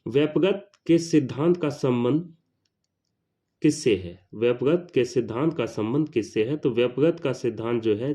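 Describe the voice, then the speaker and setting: A man teaches an exam-prep lesson, reading questions and answers aloud in a medium-pitched, dark-toned voice. His style is didactic and repetitive, repeating phrases for emphasis.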